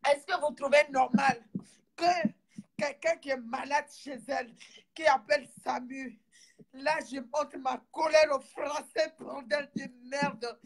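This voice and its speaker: A furious, indignant woman addressing her viewers in an angry monologue, shouting and repeating herself, near tears. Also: sits high, steady tone, measured pace. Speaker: online commentator.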